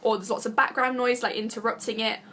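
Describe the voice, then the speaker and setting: A woman's voice: on the high side, flat delivery, fast talker, fairly bright tone. A young woman from Britain chatting casually to camera as a vlogger, giggly and full of fillers. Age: young adult. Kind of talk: casual vlog talk to camera.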